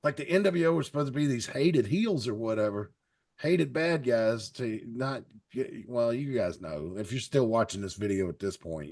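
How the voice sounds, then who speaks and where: A man on a podcast panel, chatting casually and rambling with hesitant fillers. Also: mid-range voice. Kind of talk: casual chat.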